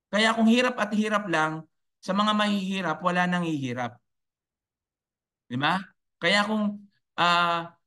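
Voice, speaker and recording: Preachy Filipino business coach, high-pitched. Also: male voice, pushed and bright. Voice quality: voice rises high on emphasis. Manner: preachy, faith-filled, repeats "di ba?" to the audience. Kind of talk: motivational live talk to viewers.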